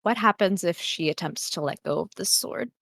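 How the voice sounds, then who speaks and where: A woman's voice: fairly low pitch, normal speed, vocal fry, a bit bright, dry recording. A woman chatting casually as a player in a tabletop game, with a dry, sarcastic manner.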